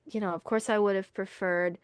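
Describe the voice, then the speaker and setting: Chatty woman podcaster, smooth voice. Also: mid-range voice, fairly even intonation, brisk, dry recording, studio quality. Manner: rambling, many fillers and likes. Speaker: podcast co-host. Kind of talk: casual chat.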